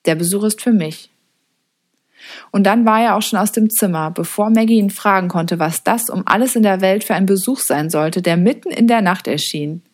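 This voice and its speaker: A woman narrating an audiobook in a measured, expressive way. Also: mid-range voice. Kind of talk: scripted storybook narration.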